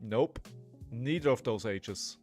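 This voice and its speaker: Slow and a little mellow, this forties-aged man's medium-pitched voice has lively intonation as he rambles through live card game commentary. He thinks out loud, talks to viewers, and keeps checking in with "right?" while faint music plays.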